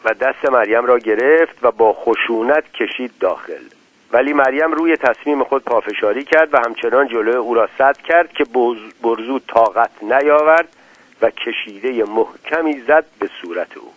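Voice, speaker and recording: A man telling a dramatic story in scripted narration, letting his loudness rise and fall widely. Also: medium pitch, no room sound. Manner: dramatic, with big swings in loudness. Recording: dull, dry lo-fi recording.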